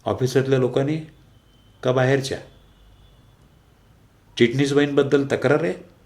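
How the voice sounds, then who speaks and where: A man's voice: medium pitch, steady tone, normal speed, a little mellow, voice pushed up, lightly acted. A man voicing a stern senior male official who questions people with irritation in a read-aloud story.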